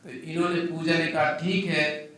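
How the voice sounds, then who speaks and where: A man's voice: fairly high pitch, level tone, normal speed, fairly bright tone. Echoey maths teacher quizzing his class. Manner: asks the class questions and answers them himself. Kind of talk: classroom lecture. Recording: echoey room, mic at a distance.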